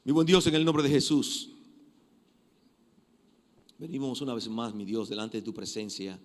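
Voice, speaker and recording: A man preaching a sermon, emphatic and given to repeating phrases, shifting from loud exhortation to quiet prayer. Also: mid-range voice, fairly even intonation, unhurried. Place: church. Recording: long reverb of a church hall.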